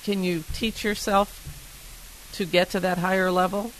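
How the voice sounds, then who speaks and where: Low-voiced woman interviewer, somewhat hesitant. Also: fairly even intonation, a little slow, a little hiss or hum, low-quality recording. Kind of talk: conversational interview.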